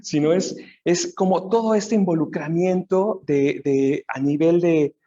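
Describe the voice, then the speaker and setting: A man's voice: on the high side, unhurried, warm tone. A man with a Mexican Spanish accent giving a dharma talk, thinking aloud with restarts and asking "right?" as he goes. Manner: thinks aloud, restarts often, tag questions. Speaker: Buddhist teacher. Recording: dull muffled lo-fi recording.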